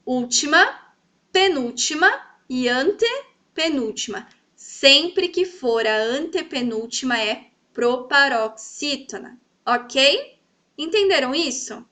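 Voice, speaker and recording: A woman teaching a grammar lesson to children, stretching out example words slowly and checking in often with her pupils. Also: high voice, expressive, sharp tone. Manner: sweet, coaxing, checks in often.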